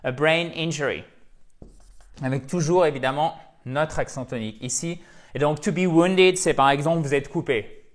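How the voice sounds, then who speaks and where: A French-speaking man giving a lively English vocabulary lesson, chatty with his viewers and repeating words to drill their pronunciation. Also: fairly high pitch, moderate pace. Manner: chatty, addresses viewers as dear friends. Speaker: English teacher.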